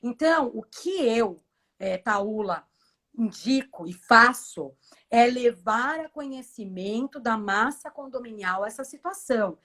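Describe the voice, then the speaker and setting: High-voiced Brazilian woman giving firm advice. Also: animated, unhurried, pushed and bright. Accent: Brazilian Portuguese. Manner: emphatic, firm and persuasive. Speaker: professional condo manager. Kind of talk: advice in a live-streamed interview.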